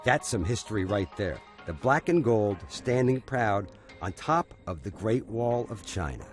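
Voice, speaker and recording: Male documentary narrator, low-pitched and expressive, wry and upbeat, studio read over a light music bed. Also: a little slow. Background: soft music bed.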